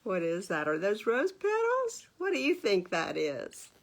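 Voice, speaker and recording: A librarian, unhurried and medium-pitched, narrates a picture book aloud for a group of children. Her pitch swings hugely as she reads expressively, and she peppers the story with asides and questions for her audience.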